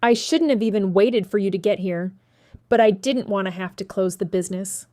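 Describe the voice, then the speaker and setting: Give me a calm, measured small-town sheriff, read by a woman narrator, recorded close and dry. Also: mid-range voice, dry recording, lightly acted.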